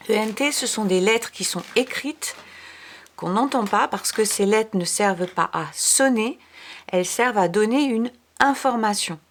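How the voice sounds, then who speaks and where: Slow, patient woman teacher. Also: medium pitch, slight background noise. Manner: patient, spells out letters, drops to soft asides. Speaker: primary school teacher. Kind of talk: remote spelling lesson for young children.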